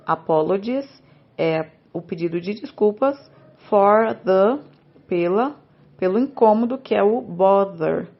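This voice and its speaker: Slow, deliberate woman teaching English. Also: medium pitch, dull audio. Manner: clear, deliberate explanations, says English phrases slowly twice. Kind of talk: language lesson, slow model phrases repeated for learners.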